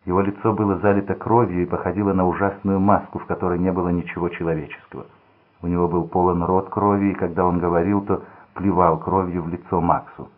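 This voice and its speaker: Deep husky male narrator, phone-thin. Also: level tone, quick pace. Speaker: audiobook narrator. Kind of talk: scripted crime novel narration. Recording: tinny phone-like sound.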